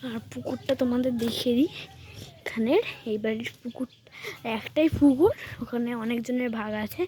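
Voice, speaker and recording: Woman vlogger, kinda high voice, chatty, pointing stuff out on a walk, phone mic outside in a village. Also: normal speed, dark tone, a little hiss or hum. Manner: chatty, speaks straight to viewers, keeps pointing things out. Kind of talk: casual walking tour vlog. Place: village homestead outdoors. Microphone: handheld phone while filming.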